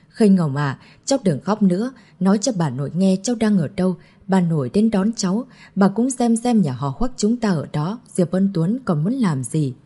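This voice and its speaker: A woman's voice: on the low side, dark tone, slightly rough. A woman reading an audiobook, voicing an older, protective grandmother who coaxes and scolds. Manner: coaxing, then scolding fiercely. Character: indignant protective old grandmother.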